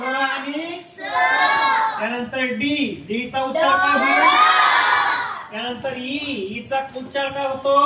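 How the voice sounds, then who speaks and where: A male teacher running a call-and-response lesson, loudly quizzing his class and repeating each point. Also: extremely high pitch. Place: echoey classroom full of pupils. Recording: roomy, distant, loud class noise.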